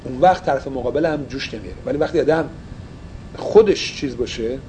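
A man's voice: mid-range voice, darkish tone, a little hiss or hum, rough recording. A man teaching an informal Torah study class, mixing Persian with English and explaining phrases as he goes.

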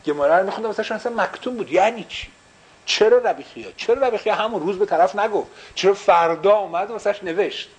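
Male teacher, slightly high voice, questions the class and drops in English phrases. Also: low-quality recording. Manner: explains with repeated rhetorical questions; mixes English phrases into Persian. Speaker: religious teacher.

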